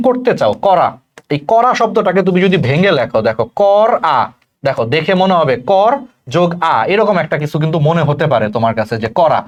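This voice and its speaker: A young man from Bangladesh, teaching an exam-prep grammar lesson in a chatty way and often checking that students follow. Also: a little high. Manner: fast, chatty, addresses students as "bhai", many checks like "thik ache?". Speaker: tutor. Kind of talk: online exam-prep lecture.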